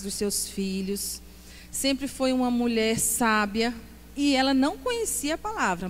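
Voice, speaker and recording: A fervent middle-aged woman teaches a church women's class. Her voice sits a little high and keeps breaking off for praise interjections. It echoes through a church hall over a faint hum. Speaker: women's Bible class speaker.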